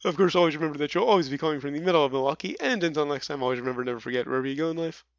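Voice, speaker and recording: Chatty Midwestern man co-hosting a movie podcast; quick, a bit stumbly; dry home-studio sound. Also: fairly high pitch, no room sound, muffled recording. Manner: chatty, stumbles over words. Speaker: podcast co-host. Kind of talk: casual movie review chat.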